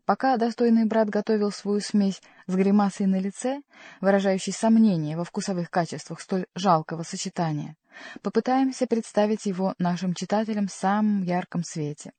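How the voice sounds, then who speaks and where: A woman narrating a classic novel as an audiobook reader, in a measured, expressive reading. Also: medium pitch, no echo. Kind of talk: scripted narration.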